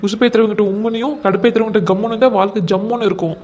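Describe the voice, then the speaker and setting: A woman's voice: on the high side, steady tone, racing, darkish tone, natural voice. A woman voicing a young cartoon daughter-in-law who complains plaintively about her treatment. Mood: aggrieved. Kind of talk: comic cartoon voice acting.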